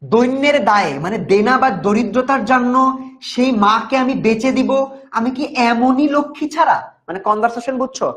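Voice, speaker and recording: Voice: mid-range voice, expressive, a bit bright. Teacher explaining verse. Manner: explains word by word, often checks with "okay?"; recites verse lines slowly. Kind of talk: online class lesson explaining a poem.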